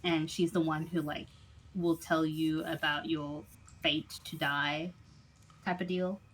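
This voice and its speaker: A woman's voice: sits low, little pitch movement, slow, a bit bright, slight background noise, low-quality recording. A woman running a tabletop game as game master, explaining the setting's lore in a chatty, digressive way full of fillers.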